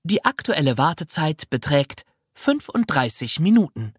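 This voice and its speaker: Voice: mid-range voice, big pitch swings, unhurried, breathy edge, no room sound, studio quality. A reader doing a chirpy recorded hotline voice. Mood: chirpy formal. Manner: formal, announcing.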